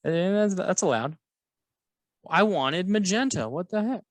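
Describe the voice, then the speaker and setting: A man's voice: sits high, lively intonation, unhurried, no echo. A man teaching math alongside a colleague, playful and jokey, guiding with questions. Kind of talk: co-teaching a lesson, casual banter.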